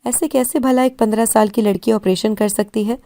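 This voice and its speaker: A woman's voice: on the high side, fairly even intonation, no echo, studio quality, natural voice. A woman voicing a bold, hot-tempered teenage girl who scolds and threatens in a storybook reading. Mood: angry. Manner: sharp and scolding.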